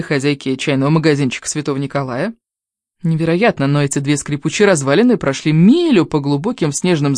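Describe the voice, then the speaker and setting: Man, audiobook narrator, first-person novel, steady storytelling, pitch lifts for dialogue, dry close recording. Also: dry recording.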